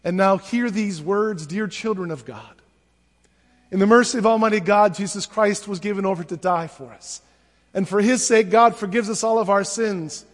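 Reading liturgical prayers slowly and solemnly, a high-voiced male pastor speaks into a pulpit mic. The church sanctuary gives his voice a long, lingering reverb.

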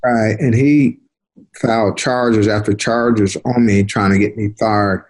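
Husky-voiced older man telling stories. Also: on the low side, fairly even intonation, a little mellow. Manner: unhurried, repeats words while recalling. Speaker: interview guest, retired police detective. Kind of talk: conversational storytelling.

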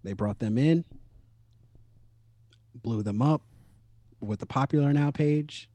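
A man telling stories in a casual podcast chat, animated, swearing casually and laughing often. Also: medium pitch, slow pace, no room sound.

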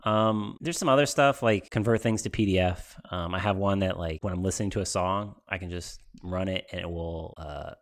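A man's voice: low-pitched, normal speed, few pauses. A man co-hosting a podcast, chatting casually with lots of ums and likes. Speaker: podcast co-host. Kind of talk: casual tech chat.

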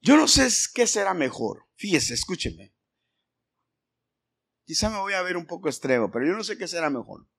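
Man as a pastor, gravelly edge, sermon with lots of questions to the pews. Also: high-pitched, big pitch swings, moderate pace, pauses often, fairly bright tone. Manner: conversational, quizzes the congregation by name; acts out scolding dialogues with shifting voices.

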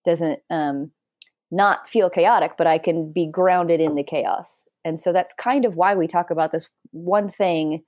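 A woman's voice: on the low side, fairly even intonation, unhurried, darkish tone, no room sound, clean studio sound. Candid rambling woman podcast co-host. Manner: rambling and candid, with frequent fillers and self-corrections. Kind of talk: casual conversational podcast chat.

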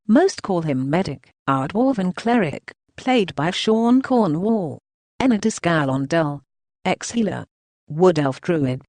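A woman's voice: fairly low pitch, darkish tone, no echo. A synthetic female robot voice reading a scripted podcast intro in a chirpy way. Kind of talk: scripted text-to-speech intro.

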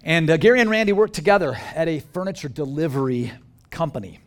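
A man's voice: on the high side, expressive, fast. A male pastor giving a sermon, earnest and emphatic, building his points through repeated lists.

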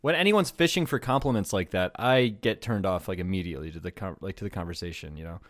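A man's voice: low-pitched, fast. A man in his thirties co-hosting a podcast, chatting casually, laughing often and swearing. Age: 30s. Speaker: podcast co-host. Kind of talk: casual chat.

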